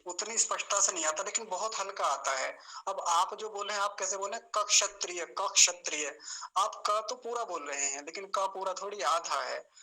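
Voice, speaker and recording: Bright-voiced patient male teacher. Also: sits high, rough recording. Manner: patient, repeats sounds slowly to demonstrate. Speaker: Sanskrit teacher. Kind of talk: online pronunciation class.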